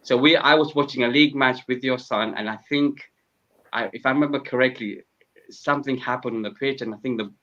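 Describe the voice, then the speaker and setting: A man's voice: mid-range voice, a little fast, fairly bright tone. A man who heads a football club, speaking as a podcast guest and sharing earnest anecdotes. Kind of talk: casual podcast conversation. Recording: dull lo-fi audio.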